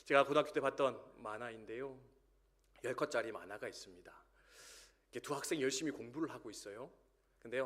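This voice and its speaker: Animated male preacher telling a story. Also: medium pitch. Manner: storytelling, acting out a dialogue between students. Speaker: pastor. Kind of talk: sermon. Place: church sanctuary.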